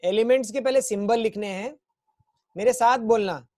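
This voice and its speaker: A male teacher leads an online class, repeating himself often and drawing out memory chants syllable by syllable to coax his pupils along. His voice sits at an ordinary pitch. The recording is dry and close, with no room sound. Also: darkish tone, no room sound. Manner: repetitive, coaxing, chants memory rhymes slowly. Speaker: school chemistry teacher.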